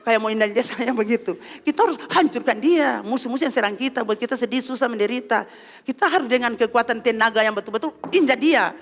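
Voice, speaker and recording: A woman pastor with an Ambonese Malay accent preaching an animated sermon in a church, calling on the congregation for responses. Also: on the high side, quick pace. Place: church hall. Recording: long hall reverb.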